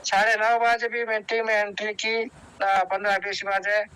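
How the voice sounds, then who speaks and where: A man addresses his team over a video call, pressing them to act and not wait, repeating himself and restarting his phrases. His voice sits high and sounds clear and resonant. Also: little pitch movement, pushed and bright, no room sound, poor audio. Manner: exhorting, repetitive, halting with restarts. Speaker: team leader speaking in an online meeting. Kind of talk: motivational speech to a group. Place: online meeting.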